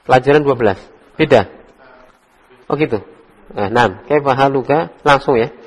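A man teaching an Arabic class in a relaxed way, correcting his students. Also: mid-range voice, normal speed, slightly rough. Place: study hall. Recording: dull echoey hall recording.

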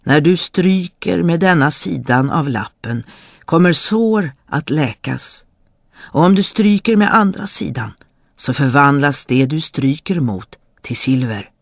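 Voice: creaky, no echo, studio quality. A narrator voicing a huge, boastful spirit trapped in a bottle, in a storybook reading, crying out and threatening. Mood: solemn. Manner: shrill pleading cries, then booming threats.

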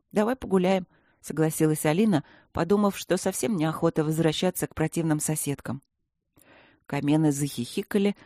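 A man narrating an audiobook in an even storytelling voice. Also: fairly high pitch, no room sound, clean studio sound. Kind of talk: scripted narration.

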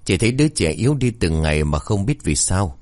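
A grave old ritual master, as a male storyteller voices him, deep and ominous as he explains a ghost. The voice is very low but moves a lot in pitch. The sound is dry and close. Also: big pitch swings, brisk, a little mellow, no room sound.

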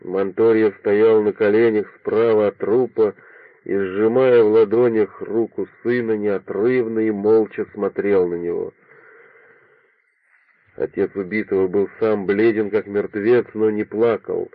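A man with a fairly low voice reads a literary audiobook aloud. The recording is narrow and phone-like. It is dry, with no room echo. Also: steady tone, measured pace. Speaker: audiobook reader.

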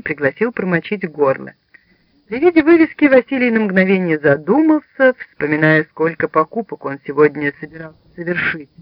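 A high-voiced man reads a story aloud with lively storytelling narration. The recording is dry and close, with a slightly dull, lo-fi tone. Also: no echo. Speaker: audiobook narrator. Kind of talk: scripted narration.

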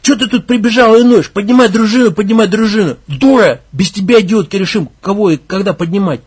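A man voicing a hot-tempered young village gang leader who barks, mocks and shouts. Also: sits high, brisk, husky. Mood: furious. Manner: angry, mocking, shouting, coarse.

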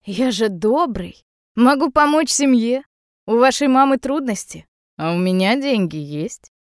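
A pushy, leering drunk man in middle age, as a woman narrator puts him on for an audiobook. He wheedles and shouts in a fairly high voice. The recording is dry and close. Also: lively intonation, a little slow, no room sound. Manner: leering, wheedling, then yelling. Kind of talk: audiobook character reading.

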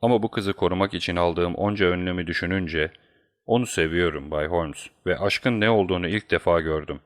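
A man's voice: low voice, a little fast, dry recording, clean studio sound, lightly acted. A man voicing a passionate, desperate young man who speaks urgently and heatedly. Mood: pleading.

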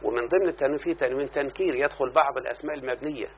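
A man's voice: mid-range voice, very fast. Man, Egyptian accent, grammar teacher, tinny phone-like sound, faint hiss. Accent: Egyptian Arabic. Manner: explains verses and checks in with his student. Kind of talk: classroom lesson on grammar.

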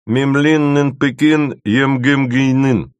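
A man's voice: mid-range voice, fairly even intonation, clear, resonant tone, no room sound, voice pushed up, natural voice. A man reading an audiobook voices a playful young girl who keeps inventing odd words from other languages. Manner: bright, teasing, rapid-fire offers.

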